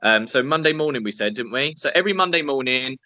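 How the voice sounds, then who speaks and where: Bright, chatty young man. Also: medium pitch, animated, quick pace, dry recording. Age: 20s. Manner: upbeat, chatty, encouraging. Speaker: podcast co-host. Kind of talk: casual chat. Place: at home, indoors.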